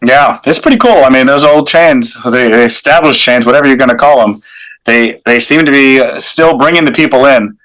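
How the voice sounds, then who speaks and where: A man's voice: mid-range voice, a little fast, a bit bright, rough recording. A man hosting a studio interview show, talking with enthusiastic, effusive praise. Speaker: show host.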